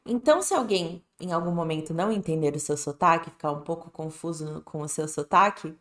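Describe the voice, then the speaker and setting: A woman teaching in a casual, chatty way, explaining and rising in pitch for emphasis. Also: a little fast, roomy sound. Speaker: English teacher. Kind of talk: casual online lesson.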